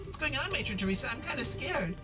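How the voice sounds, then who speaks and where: A timid, whiny little orphan acted out by a man in a game story, drowsy and frightened. The pitch is lifted high, and music plays clearly behind. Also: big pitch swings, fast talker, far from the mic. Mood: scared, sleepy. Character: sleepy, scared small orphan child. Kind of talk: reading game dialogue aloud in character.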